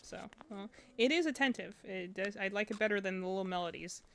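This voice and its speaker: A young woman chatting on a crafting stream, rambling through stories with easy fillers and a laugh at herself. Her voice is smooth and clear, at a middle pitch. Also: a little fast, a bit bright. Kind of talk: casual chat on a crafting stream.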